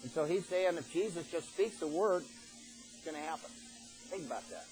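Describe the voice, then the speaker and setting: An older man delivers a homespun sermon, reading old scripture and then breaking it down in plain everyday talk. His voice sits slightly high for a man. Soft music plays faintly behind him. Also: expressive, a little fast, low-quality recording. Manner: folksy, reads scripture aloud then explains it plainly. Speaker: preacher.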